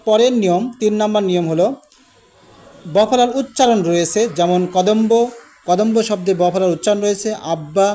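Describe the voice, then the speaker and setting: A man's voice: sits high, a little fast, mellow. A man with a Bangladeshi Bengali accent teaching a grammar lesson, going step by step and repeating each example word.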